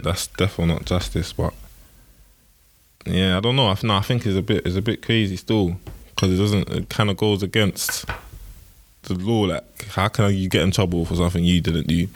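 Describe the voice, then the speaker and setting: A man with a London roadman accent and street slang, chatting casually. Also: low-pitched. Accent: London, urban street slang. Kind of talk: casual chat.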